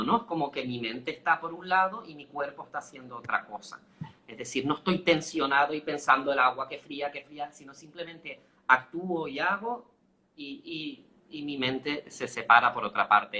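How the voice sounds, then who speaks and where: A man with a very bright, forceful voice reassures listeners and explains with everyday images. A faint noise sits in the background. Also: mid-range voice, brisk. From Canary Islands. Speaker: guest. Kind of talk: casual live talk.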